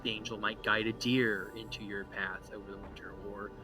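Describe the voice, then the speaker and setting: Game master man, halting narration. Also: on the low side, little pitch movement, over music. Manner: halting, filler-heavy storytelling.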